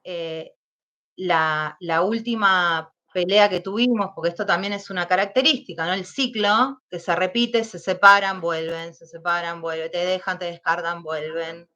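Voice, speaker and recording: A woman with an Argentine accent, giving personal testimony as an interview guest, speaking slowly and hesitantly as she recalls painful events. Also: on the low side, fairly even intonation, pushed and bright. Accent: Argentine Spanish. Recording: dull lo-fi sound.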